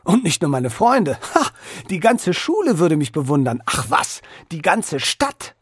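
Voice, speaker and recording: A man voicing a cheeky young boy who boasts and fibs, eager and a bit higher than his narrating voice. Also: very animated, unhurried, slightly rough, no room sound, studio quality, full character voice. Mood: boastful.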